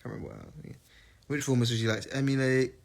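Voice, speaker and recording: A man's voice: mid-range voice, expressive, very fast, vocal fry. Young man chatting on a phone livestream. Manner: reads fan questions aloud, rambling and playful. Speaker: singer answering fans on a livestream. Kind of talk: casual livestream Q&A.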